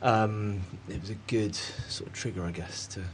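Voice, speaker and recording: Male artist, lowish voice, halting rambling chat. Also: steady tone, a crowd in the background. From Cornwall, England. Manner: rambling and hesitant, many fillers, laughs often. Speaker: artist guest. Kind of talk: casual conversation.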